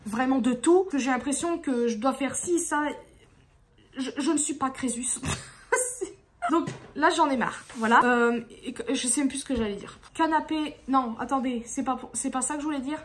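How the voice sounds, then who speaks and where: A woman's voice: sits high, moderate pace, slight background noise. A woman vlogging to her viewers in a casual, exasperated way, rambling with frequent restarts. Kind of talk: casual venting vlog.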